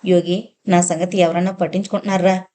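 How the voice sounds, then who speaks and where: A woman reading the lines of an unmarried woman in her twenties, patient and sad, who speaks gently. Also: lowish voice, little pitch movement, a little fast, natural voice.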